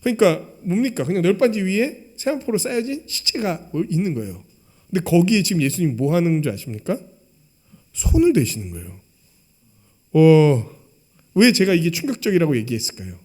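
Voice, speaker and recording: A man's voice: sits high, very animated, moderate pace. A male pastor preaching a sermon in a chatty way, often putting questions to the congregation and acting out quoted lines. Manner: conversational, asks the congregation questions; acts out quoted lines, dropping to a hush.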